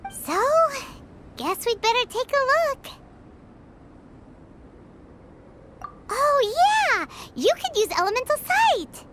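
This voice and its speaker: A woman voicing a tiny childlike fairy companion in a video game, squeaky, perky, cheeky and excitable in a cartoonish way. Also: unhurried, noisy background, heavily acted. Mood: chatty, eager. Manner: perky, refers to herself in third person. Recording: loud music behind the voice.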